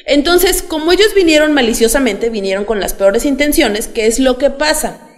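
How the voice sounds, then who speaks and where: High-voiced woman teaching teens the Bible. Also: animated, normal speed. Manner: chatty, asks the audience questions. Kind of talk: Bible lesson for teenagers. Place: church hall. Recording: long hall reverb.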